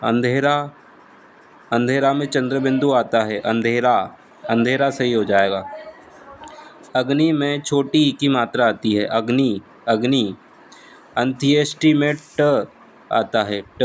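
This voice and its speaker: A man teaching exam spelling, saying each word slowly and repeating it for his students. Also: medium pitch, a little hiss or hum, rough recording. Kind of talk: slow spelling lesson.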